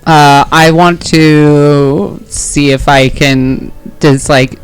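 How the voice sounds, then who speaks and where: A man's voice: on the high side, steady tone, drawn-out words, smooth, faint music behind, poor audio. A man playing a tabletop game, playful and jokey in casual chat. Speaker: player.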